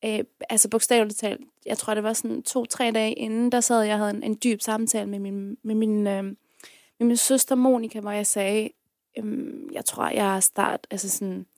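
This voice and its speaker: A woman's voice: medium pitch, flat delivery, darkish tone, no room sound, clean studio sound. A woman guest and activist talking casually and candidly, often searching for her words. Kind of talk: casual conversation.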